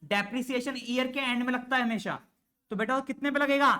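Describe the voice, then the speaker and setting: A man's voice: extremely high pitch, brisk, bright, forceful tone. A male accountancy teacher giving a live classroom lecture, firing questions at his students and addressing them fondly as he works through an example. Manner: quizzes the class with constant questions, calls students "beta".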